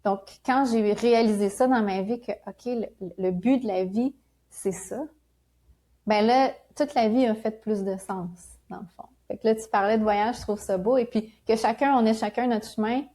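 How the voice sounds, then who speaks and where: A woman from Quebec with a Québécois accent, a spiritual guest talking in a gentle, reflective way and laughing often. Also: on the high side, steady tone, normal speed. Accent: Québécois French. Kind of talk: casual conversational interview.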